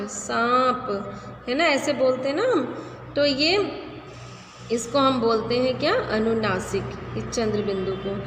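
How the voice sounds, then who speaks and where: Female teacher with a high voice, quizzes kids and answers herself, long echoey room. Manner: asks a question then answers it herself, repeats key terms. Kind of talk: Hindi grammar lesson for children. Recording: echoey room with faint background noise.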